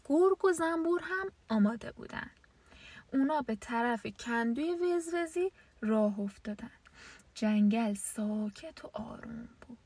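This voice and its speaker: A woman narrating a children's story in a breathy, often half-whispered voice, with gentle, lilting voices for the animals. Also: on the high side, no echo, distant mic.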